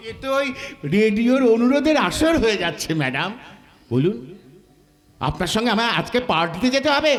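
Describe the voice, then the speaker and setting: A man's voice: very high voice, fairly bright tone, heavily acted. A man playing a flustered office employee bantering on the phone in a folk stage comedy.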